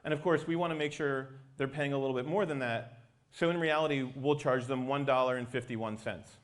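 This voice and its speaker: A man's voice: mid-range voice, brisk. A man giving an explanatory technical talk as a company presenter.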